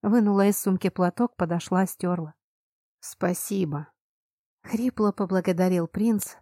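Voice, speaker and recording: A woman with a lowish voice reads a first-person fantasy audiobook, expressive and emphatic. The sound is dry and close, with no room around it. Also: no room sound. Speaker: audiobook narrator.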